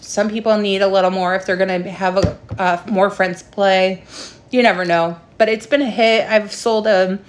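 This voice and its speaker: A woman's voice: mid-range voice, fairly even intonation, moderate pace, a little hiss or hum. A young adult woman talking informally and explaining a craft step by step in a casual livestream tutorial. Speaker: livestream host, craft seller. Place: small room indoors at home. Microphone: phone propped at arm's length.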